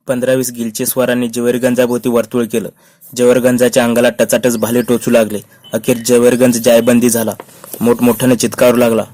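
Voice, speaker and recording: A man reading a historical novel aloud in a steady, unvaried narration. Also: mid-range voice, no room sound. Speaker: reader.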